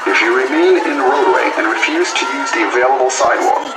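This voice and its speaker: A man giving a formal, stern police order to clear the roadway, played as a repeated recording blasted through a loudspeaker sound cannon on a city street. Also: medium pitch, quick pace, over loud music. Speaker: police dispersal announcement. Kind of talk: official order read as a recorded loop. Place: city street outdoors at a protest. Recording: echoey, distant loudspeaker over loud street crowd.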